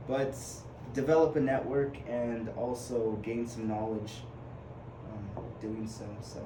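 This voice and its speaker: In an echoey space with background noise, a 21-year-old Ugandan podcast guest speaks slowly at a medium pitch with little variation. The conversation is casual and talkative, though he hesitates a lot, using many fillers and restarting sentences.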